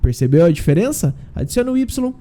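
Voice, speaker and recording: Brazilian male teacher, dark mellow tone, animated delivery, patient drills. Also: sits high. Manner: explains slowly, drills pronunciation, asks "né?" and "tá?". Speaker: English teacher. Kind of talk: casual online lesson.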